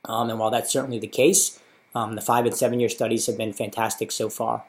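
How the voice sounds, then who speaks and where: A man in his thirties with an American accent shares his surgery experience in an informative personal video diary. He talks quickly at a medium pitch with little pitch movement, sounding casual and matter-of-fact.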